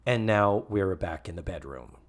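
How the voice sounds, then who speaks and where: Animated man recapping a sitcom. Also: deep voice, normal speed. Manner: chatty, acts out quoted sitcom lines. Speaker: podcast host. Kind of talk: casual podcast recap.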